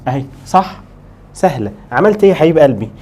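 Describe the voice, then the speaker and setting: A man with an Egyptian Arabic accent teaching an English lesson, switching between Arabic and slow, drilled English words and voicing students' questions himself. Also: a little high, big pitch swings, a little mellow. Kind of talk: lively classroom lesson.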